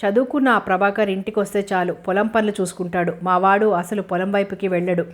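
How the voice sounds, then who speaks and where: A woman's voice: medium pitch, fairly even intonation, fast talker, natural voice. A woman doing a sneering, scheming village man. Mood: resentful. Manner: gossiping, sneering. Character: scheming spiteful middle-aged village man.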